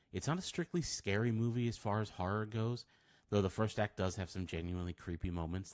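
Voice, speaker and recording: A man's voice: low voice, darkish tone. A man reading a scripted film review, with wry, dry asides.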